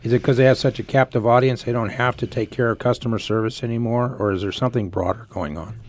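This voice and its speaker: A hoarse man co-hosting a talk radio show, asking plainspoken questions. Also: medium pitch, steady tone, quick pace. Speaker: radio co-host.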